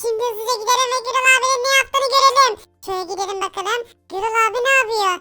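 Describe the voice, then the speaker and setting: Squeaky baby prankster, super bright and piercing, rattles off narration fast. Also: male voice, fairly even intonation, faint music behind, full character voice. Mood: gleeful. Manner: chirpy, keeps saying "friends" to viewers. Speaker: narrator of a game video. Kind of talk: game narration to viewers.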